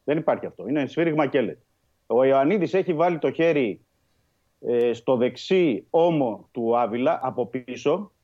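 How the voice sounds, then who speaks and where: A man's voice: mid-range voice, expressive, lo-fi sound. A man breaking down a refereeing call on a radio show, methodical and stubborn, talking over the others to finish his point. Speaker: refereeing pundit. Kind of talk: heated radio football debate.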